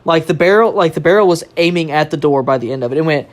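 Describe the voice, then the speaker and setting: A young adult podcast storyteller, animated and loose, dropping swear words and laughing along. The voice is mid-pitched, and the delivery is casual chat. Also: quick pace. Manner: animated, swears freely, laughs while telling.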